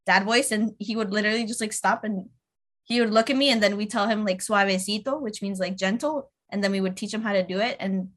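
A woman's voice: mid-range voice, steady tone, fast talker. A woman in her thirties, a speech therapist guesting on a podcast, chatting casually with lots of fillers and acted-out quotes.

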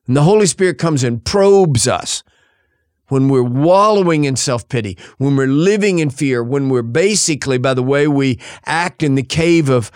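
A male pastor preaching a sermon, shifting dramatically between loud and hushed delivery. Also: mid-range voice, lively intonation, normal speed, smooth, no echo, clean studio sound.

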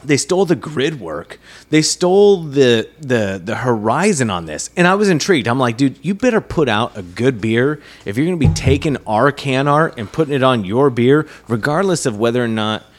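A man hosting a casual podcast, chatting and reviewing a beer in a rambling, animated way. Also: medium pitch, normal speed, hardly any pauses. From United States. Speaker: podcast host.

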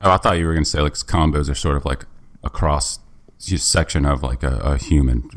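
A man co-hosting a podcast in casual chat, making deadpan absurd jokes with halting starts. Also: a bass voice. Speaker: podcast co-host.

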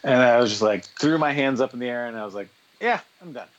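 A man guest on an interview podcast, telling animated stories in casual chat and quoting people in their voices. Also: mid-range voice, fast, slight background noise. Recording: dull lo-fi sound.

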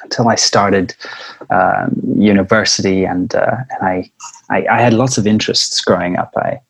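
A South African man with a low, gravelly voice and a breathy, husky edge. He talks in an easygoing storytelling way, often chuckling as he goes. The sound is dry and close, as on a video call. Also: fairly even intonation, moderate pace, dry recording. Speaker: lead singer, interview guest. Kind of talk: relaxed conversational interview.

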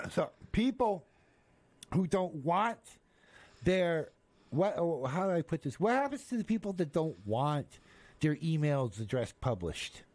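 A man's voice: a little high, sing-song, measured pace, darkish tone. A man hosting a casual live radio chat, joking and rambling with stumbling restarts. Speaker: radio show host.

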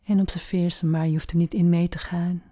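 A woman leading a guided meditation slowly and gently, with long pauses, in a soft voice that often turns to a breathy near-whisper. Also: lowish voice, flat delivery.

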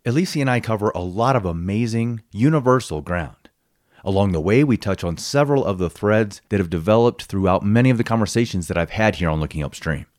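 A man hosting a conversational podcast, speaking in an earnest, measured way as he introduces his guest and asks questions. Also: fairly low pitch, a little mellow, dry recording, studio quality. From Colorado. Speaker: podcast host. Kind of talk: podcast interview.

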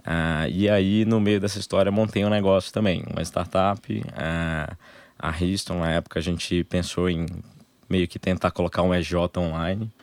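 A young man with a Brazilian Portuguese accent, his voice sitting very low. He talks as an interview guest in relaxed conversation, laying things out in short, halting phrases. The sound is close and dry, with no room in it. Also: dry recording. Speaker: interview guest, angel investor group member.

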